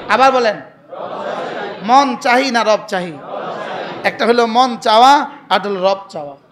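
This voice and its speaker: A man's voice: very high voice, fairly bright tone. A man from Bangladesh with a Noakhali accent, preaching a sermon, telling anecdotes and getting the crowd to repeat his lines back. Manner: call-and-response, asks crowd to repeat, tells anecdotes.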